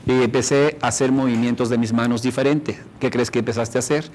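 A man's voice: medium pitch, fairly even intonation, fairly quick, a little mellow, slight background noise, rough recording. A man teaching a workshop on rapport, demonstrating and often asking the audience questions. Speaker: instructor.

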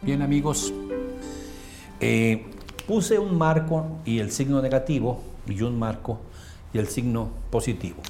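A man's voice: medium pitch, a little slow, long pauses, dark tone, faint music behind. A man with a Mexican accent, teaching a coaching lesson with frequent hesitant filler sounds. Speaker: coaching instructor.

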